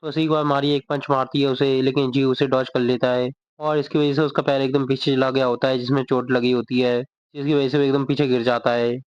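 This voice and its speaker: A man retelling a manga chapter as steady storytelling narration. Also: mid-range voice, fairly quick, hardly any pauses, clear, resonant tone, no room sound. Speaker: manga explainer. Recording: dull dry recording.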